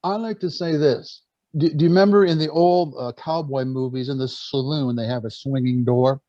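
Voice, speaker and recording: A man's voice: mid-range voice, steady tone, moderate pace, warm tone, no echo, muffled recording. Earnest man preaching to a gathering. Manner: earnest, stumbling restarts, storytelling. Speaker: speaker on church life.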